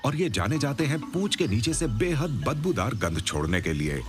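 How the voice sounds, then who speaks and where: A man narrating a nature documentary from a script, with a measured, explanatory storytelling delivery. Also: medium pitch, very animated, music in the background.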